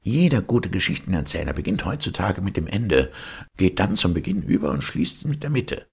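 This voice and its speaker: A man's voice: sits low, big pitch swings, moderate pace, gravelly, husky, full character voice. A man voicing a snobbish, opinionated water rat that talks in a dismissive, know-it-all way, in a storybook reading.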